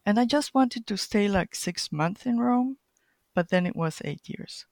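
A woman's voice: medium pitch, animated, measured pace, gravelly, a little mellow, no echo, clean studio sound. Middle-aged woman from Chile and Colombia. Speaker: guest catechist. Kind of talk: casual interview.

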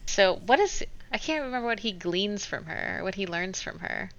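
A woman's voice: medium pitch, expressive, normal speed, fairly bright tone. A woman casually chatting as a podcast co-host, retelling movie scenes with lots of "like". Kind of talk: casual chat recapping a movie. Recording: dull lo-fi sound.

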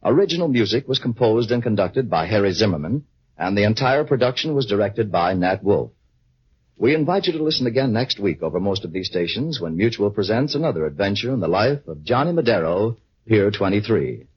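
Old radio announcer guy, american, formal but really swingy pitch, dull vintage recording. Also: animated, fairly quick, slightly rough. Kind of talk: 1940s radio announcing, scripted credits.

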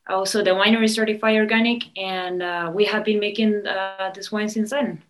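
A woman's voice: medium pitch, steady tone, a little fast, fairly bright tone, poor audio. Woman from argentina, talks with lots of ums, mid voice. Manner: hesitant, many ums and restarts. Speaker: winemaker guest. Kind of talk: interview answers.

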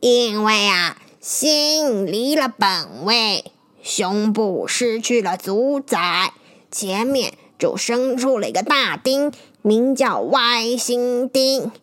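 A woman puts on a wise old seafaring man from a storybook. He talks at an unhurried, drawn-out pace, with little chuckles. His voice sits fairly high for an old man. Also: animated, a bit bright. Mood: knowing. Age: older. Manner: slow, drawn-out, chuckling explanations. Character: old male sailor, wise and good-humored storyteller.

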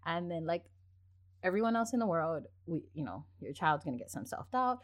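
A woman's voice: on the low side, very animated, moderate pace. A woman in her thirties hosting a podcast, giving casual, upbeat, encouraging advice to parents. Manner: upbeat, encouraging, acts out quoted voices. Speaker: podcast host.

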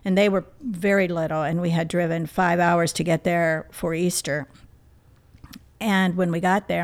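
A middle-aged woman, a therapist, telling a personal story in an interview in a reflective, halting way. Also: fairly low pitch.

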